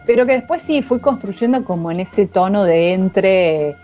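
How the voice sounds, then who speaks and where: A woman's voice: mid-range voice, expressive, measured pace, dark tone, muffled recording, faint music behind. A woman with an Argentine accent, an author talking casually about her book in an interview, slangy and thinking aloud. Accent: Argentine Spanish. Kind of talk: casual conversation.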